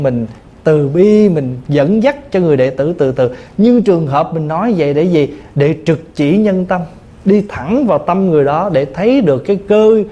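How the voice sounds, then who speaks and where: Monk giving a plain-spoken dharma talk. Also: male voice, high voice, warm tone, highs cut off. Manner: plain, patient explaining through everyday examples. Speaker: Buddhist monk teacher. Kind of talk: dharma talk answering questions.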